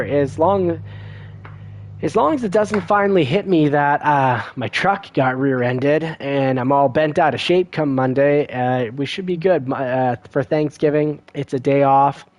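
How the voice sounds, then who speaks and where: A man giving casual commentary while playing a racing game, chatty and thinking aloud, getting excitable when he crashes. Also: a little high, measured pace. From Canada. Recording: audible car game noise behind voice. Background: racing game car sounds.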